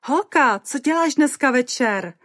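A woman reading an audiobook, voicing a loud, excited, tipsy young female friend who shrieks down the phone. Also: high-pitched, no echo, studio quality, pitched above the performer's own voice. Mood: shrieking excited. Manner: squealing, shrieking.

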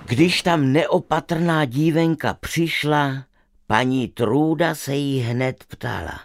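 A storyteller reading a fairy tale aloud in an expressive, acted way. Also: mid-range voice, no room sound.

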